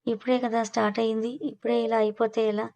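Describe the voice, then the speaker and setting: A woman's voice: fairly high pitch, level tone, fast talker, dark tone, close to an everyday voice. A woman voicing a young husband who talks in a teasing, reassuring way, in an audio story. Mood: confident. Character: young man, playful, protective husband.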